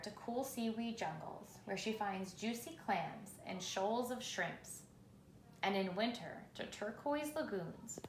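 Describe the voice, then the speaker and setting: A woman with a noticeably creaky, medium-pitched voice reads aloud from a children's picture book. She is measured and expressive, often pausing dramatically. Faint noise is present, and the room gives off clear echo.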